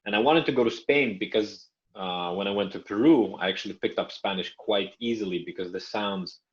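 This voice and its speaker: A young man, a native Russian speaker raised in Canada, appears as a podcast guest in a conversational interview, his voice fairly low and a touch quick. He talks thoughtfully, trailing off and starting sentences again. The audio is muffled and lo-fi.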